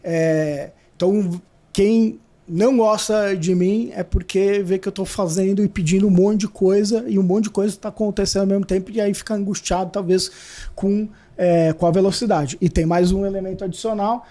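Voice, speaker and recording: Man, high pitched, mellow tone, interview guest, blunt, halting with fillers. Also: fairly even intonation. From Brazil. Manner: self-described hyperactive. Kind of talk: conversational interview answers.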